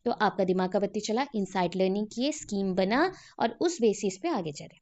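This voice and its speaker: A woman's voice: mid-range voice, expressive, moderate pace, darkish tone. A woman teacher lecturing a class in a classroom, who repeats key names and quizzes her students.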